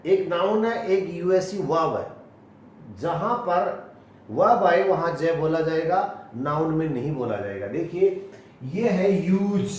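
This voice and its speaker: A man with an Indian accent teaching English pronunciation, spelling out words letter by letter and repeating each one slowly. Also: high voice, a little mellow, slight background noise. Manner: slow and deliberate, repeating each word. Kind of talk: classroom lesson, spelling out words. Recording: echoey room, voice from far off.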